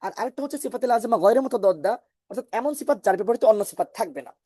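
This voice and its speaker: A woman's voice: a little high, animated, very fast, dark tone, breathy edge, no room sound, studio quality. Woman teaching an online tajweed class. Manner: explains patiently, repeats points, asks the class questions. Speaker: Quran recitation teacher.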